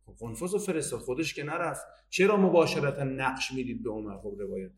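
A man giving a religious history lecture, reading old narrations out slowly and then explaining them in everyday speech. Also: mid-range voice. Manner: reads Arabic narration slowly, then explains in casual Persian.

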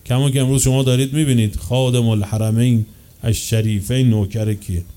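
A man preaching a sermon with passion, swinging from loud, slow declaiming to quick, quieter asides. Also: medium pitch, fairly even intonation. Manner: chants quoted chains of narrators slowly.

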